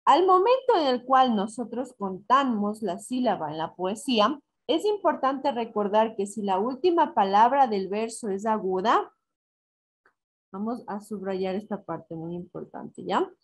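A woman teacher giving a recorded class, explaining slowly and step by step, counting syllables aloud and answering her own questions. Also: a little high, lively intonation. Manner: slow and deliberate, counting syllables aloud and asking herself questions. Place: school in Ecuador.

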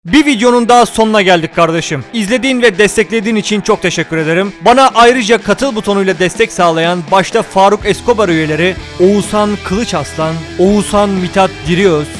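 A man giving playful, excitable commentary on a prison game, joking and shouting at the characters. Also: high-pitched, fast, few pauses, faint music behind. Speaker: gaming YouTuber.

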